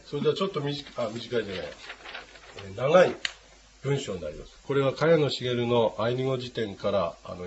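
Language teacher, male, lowish voice, patient with frequent fillers; dull lo-fi recording with a faint hiss. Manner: patient, many hesitation fillers. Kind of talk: classroom language lesson.

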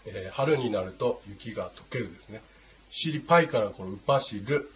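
Language teacher, male, lowish voice, patient with frequent fillers; dull lo-fi recording with a faint hiss. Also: lively intonation, moderate pace. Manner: patient, many hesitation fillers. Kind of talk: classroom language lesson.

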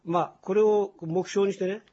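A man answering as a guest on a radio interview, relaxed and chatty. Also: sits high, normal speed, dull audio. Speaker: guest, association president.

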